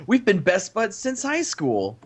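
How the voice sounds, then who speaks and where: A man plays an upbeat young guy in an amateur voice drama, talking in a bubbly, chatty way. His pitch bounces up and down with every line. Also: wildly swooping pitch, unhurried, heavily acted. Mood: cheerful. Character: cheerful upbeat young male best friend.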